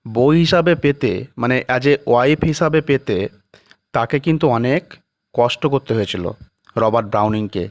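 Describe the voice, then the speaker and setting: A male teacher lecturing on a poem, speaking at a middle pitch. He moves slowly through each point. He reads English phrases out word by word and breaks into nearly every sentence with a quick check for understanding. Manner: explains slowly, asks "ঠিক আছে?" after nearly every point; mixes English phrases into Bengali, reading English definitions very slowly. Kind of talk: classroom lecture.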